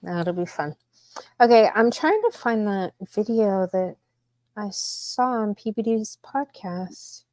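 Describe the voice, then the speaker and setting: A woman co-hosting a casual reaction stream, soft-spoken and blunt. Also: mid-range voice, slow pace, dry recording. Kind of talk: casual chat.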